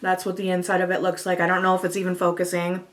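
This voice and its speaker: A woman's voice: on the low side, completely flat delivery, fast talker. A woman vlogging at home, chatting casually into a camera mic, with lots of "um" and "like" and a slightly out-of-breath delivery. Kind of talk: casual eat-with-me chat.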